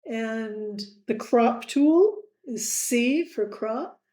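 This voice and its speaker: A woman tutoring software in a screen-recorded lesson, friendly, with quiz-style asides to the viewer. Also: on the high side, lively intonation, drawn-out words, reverberant.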